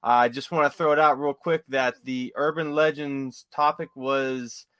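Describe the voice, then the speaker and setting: A man hosting a podcast, chatting in a relaxed, friendly way and saying "man" often, a bit stuffy from allergies. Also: mid-range voice, moderate pace, smooth, no echo. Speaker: podcast host. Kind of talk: casual podcast chat.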